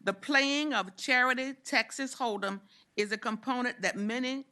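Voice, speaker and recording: A woman senator presenting a bill to a committee, reading its provisions in a brisk, steady way. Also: on the high side. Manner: brisk, reads provisions steadily, stumbles on repeats when challenged. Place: legislative committee room.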